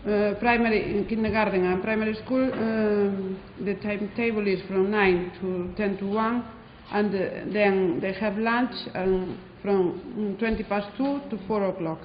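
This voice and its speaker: A head teacher from Spain answers interview questions in hesitant, non-native English with a Spanish accent, pausing often on fillers. Her medium-pitched, steady voice echoes through a large hall, with a dull lo-fi sound and faint background noise.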